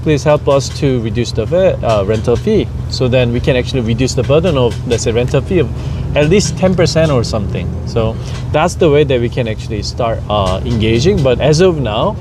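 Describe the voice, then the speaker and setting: A man's voice: mid-range voice, lively intonation, fairly quick, few pauses. A man who runs a company, talking earnestly with drivers over dinner and explaining his plans with many restarts. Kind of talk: casual dinner conversation. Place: outdoor parking lot. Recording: noisy outdoor parking lot.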